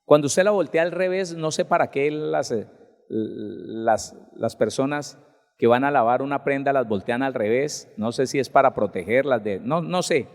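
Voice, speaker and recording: A man's voice: normal speed, big-room sound. A male pastor giving a conversational sermon at a Bible seminar, asking the congregation questions and acting out people's excuses. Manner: lively, rises in pitch and loudness for emphasis.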